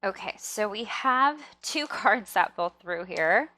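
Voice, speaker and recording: A woman's voice: medium pitch, expressive, takes it slowly, bright, forceful tone. A woman hosting a casual pick-a-card reading, chatting to viewers and often checking in, with slightly thick-tongued, stumbling articulation. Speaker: tarot reader and video host.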